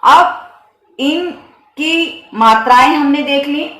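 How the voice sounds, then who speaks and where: A woman teaching a lesson on the written letters, her voice sitting a little high. She talks very slowly and repeats each example with care. The room around her is echoey. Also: bright, forceful tone. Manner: slow, careful explaining with repeated examples. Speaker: Hindi teacher. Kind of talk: grammar lesson on the Hindi script.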